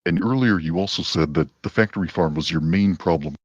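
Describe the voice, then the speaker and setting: A man calling into a debate show with an extremely deep voice that sounds pitch-shifted, talking hesitantly with many fillers. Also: brisk, breathy edge, no echo, muffled recording. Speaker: caller in a debate. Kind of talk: casual call-in debate.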